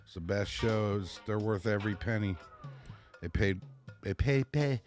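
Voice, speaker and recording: A man co-hosting a casual podcast, a rambling storyteller who laughs often and shouts out the lines he quotes. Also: lowish voice, measured pace, soft background music. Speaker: podcast co-host. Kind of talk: casual chat.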